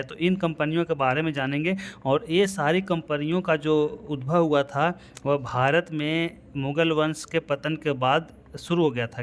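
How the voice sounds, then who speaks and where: A man's voice: fairly high pitch, a bit bright, smooth. A man teaching an exam-prep history lesson. He keeps asking "है ना" and chuckles at his own memory tricks. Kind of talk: lecture.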